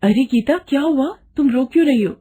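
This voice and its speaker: A chatty young woman friend, played by a woman narrator, with a high, lively voice full of sympathy. Her husky tone stays bright and caring as she gives advice. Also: brisk. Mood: concerned.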